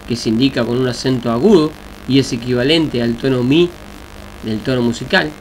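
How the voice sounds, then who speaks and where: Man teaching a slow language lesson. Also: medium pitch, low-quality recording. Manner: slow, deliberate explaining with examples. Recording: faint hiss and mains hum.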